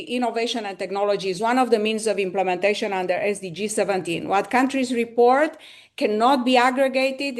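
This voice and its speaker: A woman panel speaker giving formal, explanatory remarks in a measured way. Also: medium pitch, darkish tone.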